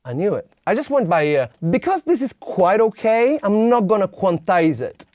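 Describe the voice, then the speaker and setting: A man's voice: high-pitched, very animated, moderate pace, darkish tone, no room sound. A man explaining step by step as a music producer in a studio tutorial, sometimes mouthing drum rhythms aloud. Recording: drum machine and synths playing under voice.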